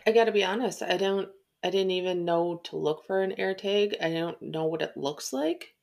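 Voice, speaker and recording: Female podcast co-host, low pitch, chatty storyteller. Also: moderate pace, vocal fry, darkish tone, slight background noise. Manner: chatty, retells conversations with quoted lines. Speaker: podcast co-host, animal control officer. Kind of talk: casual podcast chat, storytelling.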